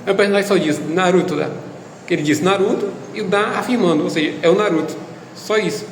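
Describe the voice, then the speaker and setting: A man's voice: high-pitched, fast talker, roomy sound, in a large hall, slight background noise, rough recording. A man giving a casual video lesson on Japanese, explaining step by step with hesitant fillers. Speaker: Japanese language teacher.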